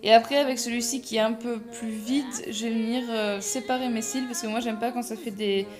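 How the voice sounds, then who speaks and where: A woman's voice: fairly high pitch, fairly even intonation, a little fast, over music. A young woman talking through a casual makeup tutorial, chatty and self-mocking, full of fillers and restarts. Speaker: makeup vlogger.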